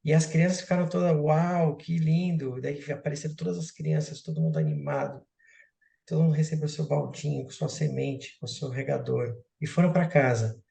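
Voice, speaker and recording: A man telling a story to a group in an animated way. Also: medium pitch, fairly quick, vocal fry. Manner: animated storyteller, frequent restarts. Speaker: speaker at a community talk. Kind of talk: storytelling talk. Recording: roomy echoey room.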